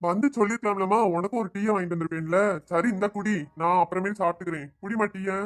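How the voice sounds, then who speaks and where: Woman putting on a lower voice for a kind village man, quick talker. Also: fairly even intonation, natural voice. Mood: kindly. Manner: gentle, hospitable. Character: kindly older village brother figure, man.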